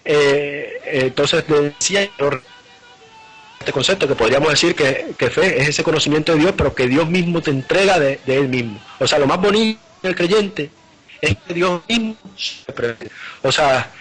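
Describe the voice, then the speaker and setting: A man's voice: a little high, fairly bright tone, slightly rough, poor audio. A man preaching a live sermon, earnestly retelling scripture and often repeating and restarting his phrases.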